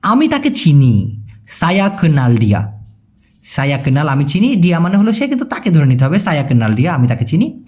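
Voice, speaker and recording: A man teaches a casual language lesson. His voice sits high and swings widely in pitch as he explains. He repeats phrases slowly and patiently, checking that his viewers follow. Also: huge pitch swings, darkish tone.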